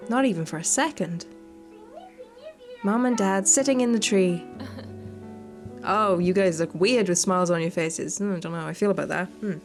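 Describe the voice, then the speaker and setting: With faint game music in the background, a gaming host reads a horror story game aloud and drops in sweary, unscripted asides. Her fairly low voice moves at a moderate pace and pauses often.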